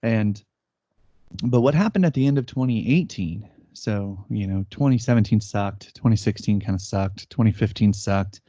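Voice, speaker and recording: A man's voice: fairly low pitch, moderate pace, mellow, no room sound, dull audio. A man in his thirties co-hosting a podcast, telling stories in casual chat and laughing often as he acts out quotes. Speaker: podcast co-host. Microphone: remote call setup.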